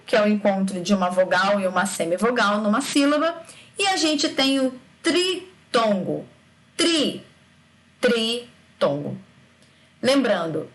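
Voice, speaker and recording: A woman teaching a recorded grammar lesson, lively, stretching syllables out to demonstrate sounds and checking in with her students often. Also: medium pitch.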